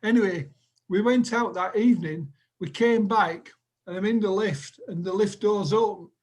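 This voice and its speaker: A man's voice: high-pitched, normal speed, darkish tone, poor audio. An older man from Sheffield with a Sheffield accent, chatting on a video call and telling a funny story, laughing at his own jokes. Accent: Sheffield English. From England. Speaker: group member telling a story. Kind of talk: casual anecdote on a video call.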